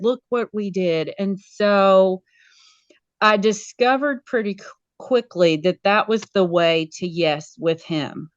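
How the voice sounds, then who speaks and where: A woman with a lowish voice chats casually as an interview guest, a school media specialist. She talks in an animated, storytelling way. The sound is dull and dry, with little high end and no room echo. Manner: animated, acts out quoted voices.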